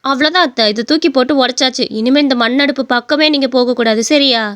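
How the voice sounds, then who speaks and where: A woman's voice: sits high, quick pace, fairly bright tone, slight background noise. A woman voicing a headstrong young daughter-in-law in a cartoon story, bossy and dismissive.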